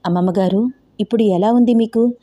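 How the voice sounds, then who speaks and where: Anxious young woman, fretful and pleading, mellow voice, read by a woman. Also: medium pitch, brisk, lightly acted. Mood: worried.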